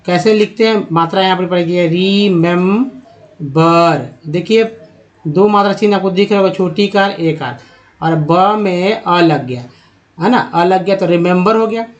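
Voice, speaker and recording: A man teaching English reading, slowly sounding out words and spellings one by one for his students. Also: high voice. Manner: slow, drawn-out word-by-word pronunciation drills. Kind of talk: spelling and pronunciation lesson. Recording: dull lo-fi audio.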